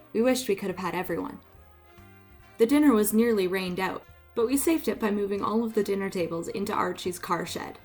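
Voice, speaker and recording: Female narrator, scripted family-video voice-over, soft music bed. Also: medium pitch.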